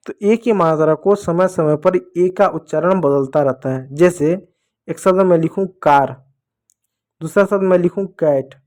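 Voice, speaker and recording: A man's voice: on the high side, darkish tone. A man with a Hindi accent, an English teacher explaining a lesson step by step, repeating each rule and asking his students questions back. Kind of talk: blackboard lesson for learners.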